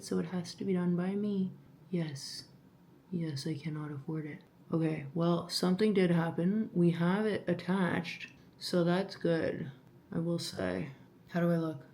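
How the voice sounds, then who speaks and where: A young woman vlogging at home, rambling and self-mocking as she coaches herself aloud to stay calm through a beauty treatment. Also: lowish voice. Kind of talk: casual chatty vlog while doing a beauty treatment.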